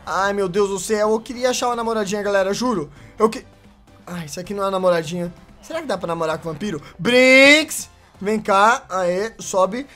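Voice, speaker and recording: Excitable young Brazilian man gaming. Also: high voice, fairly quick, soft background music. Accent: Brazilian Portuguese. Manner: excitable, yelps and laughs, talks to game characters. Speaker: gaming YouTuber. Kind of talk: casual gameplay commentary.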